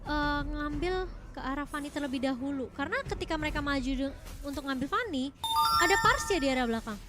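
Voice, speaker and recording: A woman calling a live game match excitably, like a fighting game announcer. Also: high voice, a little fast. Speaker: esports shoutcaster. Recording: music behind the voice. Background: music.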